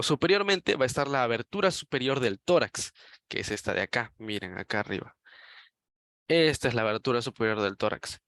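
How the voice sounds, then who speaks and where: A man's voice: medium pitch, fairly bright tone. A man teaching an anatomy class, explaining step by step while pointing at images. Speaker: anatomy lecturer. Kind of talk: recorded anatomy lecture.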